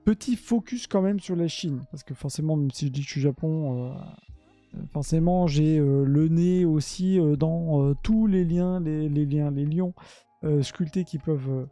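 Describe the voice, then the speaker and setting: A man's voice: fairly high pitch, normal speed, dark tone, no echo, faint music behind. A man talking casually on a live stream about Japanese art, hesitant with many fillers and restarts.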